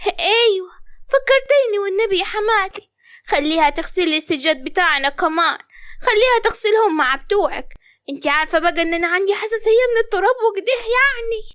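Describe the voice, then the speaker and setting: An actress playing a mocking, spiteful young sister-in-law with an Upper Egyptian accent, speaking sarcastically. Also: female voice, very high voice, animated, a little fast, a bit bright, no room sound, clean studio sound. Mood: sneering. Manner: sneering, sarcastic.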